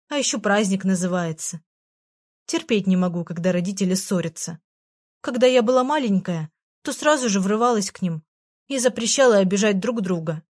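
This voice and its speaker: A woman reading an audiobook aloud, narrating in the first person in a plain, even voice with a wry, sighing tone. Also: mid-range voice.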